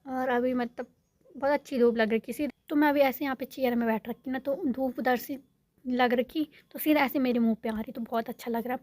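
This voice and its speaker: A young woman chats to her viewers in a loose, rambling vlog, often stopping to correct herself. Her voice sits a little high. It is recorded close on a phone, with a dry sound and no room echo. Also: fairly even intonation, fairly quick, darkish tone. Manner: rambling, self-correcting, addresses viewers as guys. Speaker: vlogger. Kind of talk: casual chatty vlog monologue. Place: home in a village.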